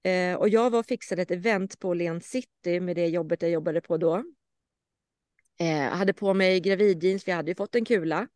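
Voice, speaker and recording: A woman's voice: fairly low pitch, a little mellow, dry recording. A young adult woman, a podcast co-host, tells a personal story in casual chat with feeling and acts out quoted lines of dialogue.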